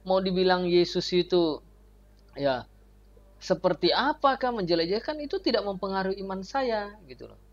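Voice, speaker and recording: A man hosting his channel as an evangelist, commenting earnestly on a video and leaning on tag fillers. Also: on the high side. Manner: earnest, leans on tag fillers like ya and gitu loh. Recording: dull lo-fi sound.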